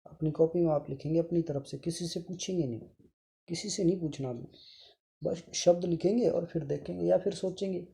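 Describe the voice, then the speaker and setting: Gravelly, dark-voiced patient male teacher. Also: on the high side. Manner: patient, repeats sounds slowly, affectionate to pupils. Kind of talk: online grammar lesson.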